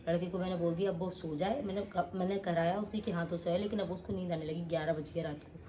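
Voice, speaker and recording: A woman in her thirties vlogging casually at home at night, chatty and rambling, her throat slightly hoarse. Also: lowish voice, fairly even intonation, fast talker, dark tone, slight background noise, low-quality recording. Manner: chatty, rambling, addresses viewers as guys. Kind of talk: casual chat to camera.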